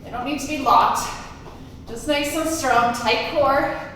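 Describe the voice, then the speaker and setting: High-pitched woman coaching a workout, echoing room. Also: a little slow, fairly bright tone. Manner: encouraging, calling out brief commands and countdowns. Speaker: fitness instructor leading a Tabata workout. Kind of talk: live workout coaching with short cues and demonstrations. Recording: echoey room, distant mic, noisy.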